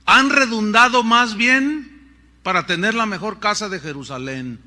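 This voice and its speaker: Animated, high-voiced pastor preaching. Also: male voice, unhurried. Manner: animated preaching, rhetorical questions, playful asides. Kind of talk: sermon.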